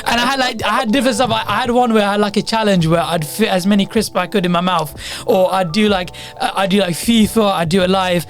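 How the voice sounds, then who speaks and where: A man's voice: high voice, fairly even intonation, fast, soft background music. A young man in his twenties, a podcast co-host, eagerly telling stories in casual chat and often correcting himself. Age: 20s. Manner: eager storytelling, self-correcting. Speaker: podcast co-host, journalism student.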